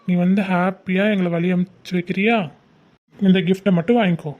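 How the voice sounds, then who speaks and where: Woman doing a sweet college-guy uncle, soothing and low-ish, muffled lo-fi sound. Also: steady tone, a little fast, lightly acted. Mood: coaxing. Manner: soothing, coaxing, repeats "okay?". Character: young male uncle, college student, gentle and coaxing.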